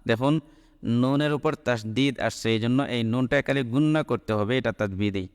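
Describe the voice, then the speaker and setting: A man teaching how to recite a short Quran chapter, spelling out each letter and vowel mark before chanting the verse in long, drawn-out tones. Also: medium pitch. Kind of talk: slow recitation lesson. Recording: long echoing reverb.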